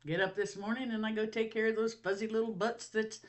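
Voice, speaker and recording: A woman's voice: on the high side, steady tone, fairly quick. Chatty older woman. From Ohio. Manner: rambling, chatty, laughs often, self-mocking. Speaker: vlog host. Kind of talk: casual chat to camera. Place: at home.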